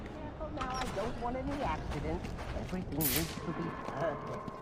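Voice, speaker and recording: An actor playing a pompous, giddy mad inventor villain in a video game, theatrical and overly formal, swinging between fussy and manic. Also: male voice, high-pitched, big pitch swings, brisk, echoey room, big-room sound, heavy background noise. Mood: fussy, stern.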